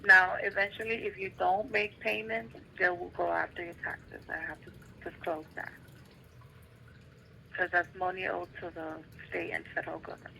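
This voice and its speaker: A woman's voice: lowish voice, little pitch movement, moderate pace, creaky, bright, forceful tone, slightly rough, low-quality recording. A woman caseworker explaining a benefits waiver over the phone in a procedural way, with filler ums.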